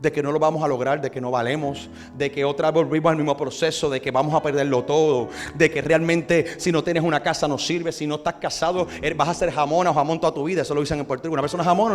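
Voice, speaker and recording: A man's voice: a little high, steady tone, fast, few pauses, faint music behind. A man preaching a sermon as pastor, posing rhetorical questions to his congregation. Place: church.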